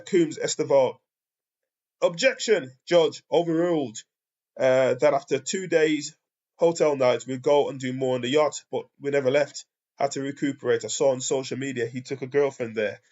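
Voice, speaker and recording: A British man reading out court testimony line by line, then breaking off to comment. His voice sits at an ordinary middle pitch. The recording is slightly dull and lo-fi. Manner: reads transcript flatly, then rants loudly with laughter. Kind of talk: reading out and reacting to trial testimony.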